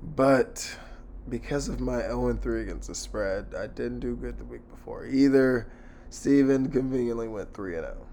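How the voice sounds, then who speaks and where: A hoarse man hosting a casual sports betting podcast by himself, talking in a blunt, slangy, sweary way. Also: medium pitch, normal speed, mellow, a little hiss or hum.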